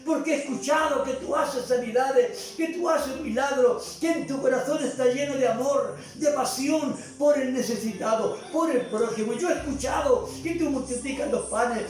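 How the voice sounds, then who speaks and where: A woman's voice: high voice, moderate pace, hardly any pauses, darkish tone, close to an everyday voice. A woman preacher acting out a desperate royal official who begs for his dying son, pleading and urgent. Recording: very echoey hall, far from the mic, music behind.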